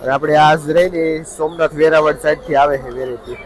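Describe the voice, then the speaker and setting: This is on-the-spot vlog commentary from a man who speaks quickly, in a fairly high, fairly even voice, with a Saurashtra Gujarati accent. Reporting produce prices in a matter-of-fact, repetitive way, he puts brief questions to vendors at a busy outdoor vegetable market, where crowd and traffic noise fill the rough recording.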